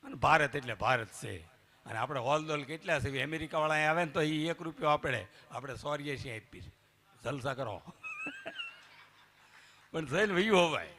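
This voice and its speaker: A bright, forceful man performs live stage comedy. His voice sits a little high, and he tells one joke after another, jumping from loud punchlines to quiet asides. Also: normal speed, pauses often. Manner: animated, jokey, swings from loud to hushed. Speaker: folk comedian and storyteller. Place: live stage before a temple audience.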